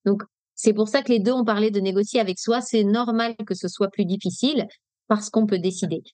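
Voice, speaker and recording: A French woman from Nice giving a webinar talk as a negotiation coach, speaking in a lively, direct and explanatory way. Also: medium pitch, fairly quick, no echo. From Nice, France. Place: webinar, dry room.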